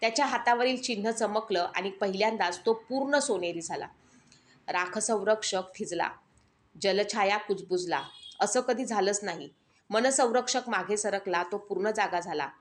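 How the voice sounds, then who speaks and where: Woman narrating a dark horror tale. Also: mid-range voice. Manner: dramatic, measured horror telling. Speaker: storyteller. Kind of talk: scripted narration.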